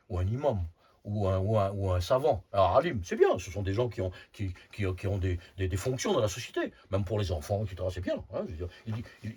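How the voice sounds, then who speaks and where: A man's voice: medium pitch, darkish tone, husky. A man over fifty giving an informal spiritual talk as a Sufi teacher, often repeating words and tagging phrases with short asides. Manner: repeats words, frequent "hein" tags, emphatic bursts.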